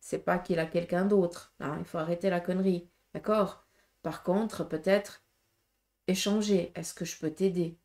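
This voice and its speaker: Speaking straight to her viewers, a Swiss French woman offers a relaxed tarot reading. She's frank and direct, relies on fillers, and keeps asking "okay?" Her voice is lowish and darkish, with a steady tone and a measured pace.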